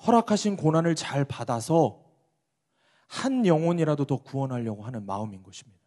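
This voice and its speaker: A man preaching a sermon as a pastor, telling a story dramatically and swinging between loud and hushed delivery. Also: on the high side, animated, brisk.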